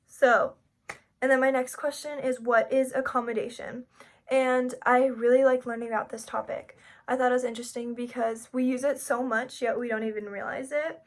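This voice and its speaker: A young woman talks through a class presentation in a loose, chatty way, dropping "like" into nearly every sentence. Her voice sits a little higher than most women's. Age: young adult. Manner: frequent "like" fillers, chatty and informal. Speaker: psychology student.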